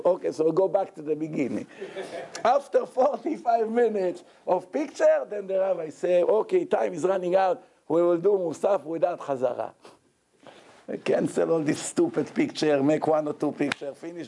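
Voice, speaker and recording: Joking rabbi with a mellow voice. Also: male voice, fairly high pitch. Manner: joking, chuckling, mixing Hebrew and Yiddish words. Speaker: rabbi giving a lecture. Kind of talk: informal Torah lecture with anecdotes.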